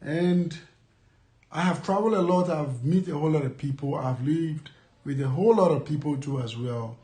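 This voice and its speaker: A young Ghanaian man with a slightly high, warm voice and a Ghanaian accent chats casually to camera as a vlogger. He speaks at a moderate pace, rambling and repeating himself with plenty of fillers, in an echoey room.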